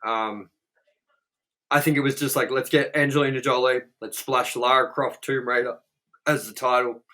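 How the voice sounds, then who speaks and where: Medium in pitch and normal in speed, a young man's voice comes from a movie review show he co-hosts. He speaks bluntly and casually, animated and swearing a lot.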